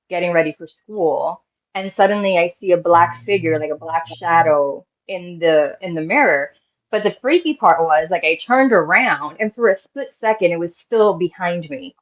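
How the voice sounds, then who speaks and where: A woman's voice: on the low side, muffled recording. A woman in her forties, a medium and healer, telling a story in a casual interview, acting out quotes with lots of fillers. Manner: animated, acts out quotes with laughs and many "like" fillers.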